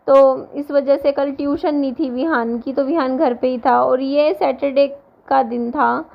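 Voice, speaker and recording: A woman in her thirties, hoarse from a sore throat, rambling casually to her viewers in a home vlog. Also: high voice, highs cut off. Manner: rambling, restarts often, talks to viewers directly. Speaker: vlogger.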